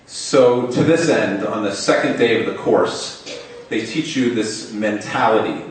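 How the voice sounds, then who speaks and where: Unhurried and fairly low in pitch, a young man's voice carries a personal story across a large hall from the stage. He stutters without hiding it, repeating and lengthening initial sounds. The distant microphone leaves the recording full of hall echo.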